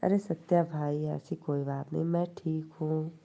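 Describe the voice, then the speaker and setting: A woman's voice: low-pitched, steady tone, unhurried, vocal fry, mellow. A woman with an Awadhi accent hosting a live stream, chatting casually with viewers, teasing them and laughing often.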